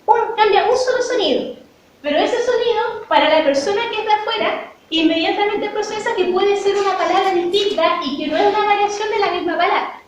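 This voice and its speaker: A woman's voice: very high voice, fairly quick. A woman with a Chilean accent gives a university lecture to students, explaining her points and posing rhetorical questions that she then answers. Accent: Chilean Spanish. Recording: echoey hall from far off, dull lo-fi, faint noise.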